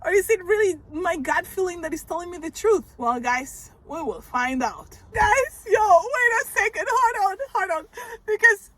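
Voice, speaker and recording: A young woman recapping a reality show in a casual vlog, animated, laughing often and shrieking in disbelief. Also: very high-pitched, moderate pace, poor audio. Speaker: reaction vlogger.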